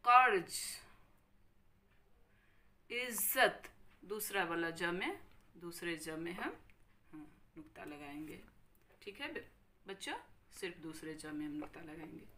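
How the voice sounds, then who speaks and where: A woman teacher with a Bihari Hindi accent giving a recorded grammar lesson, slowly repeating each word and checking in with her students. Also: mid-range voice, pushed and bright. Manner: slow, careful, repeats each word and checks with "thik hai".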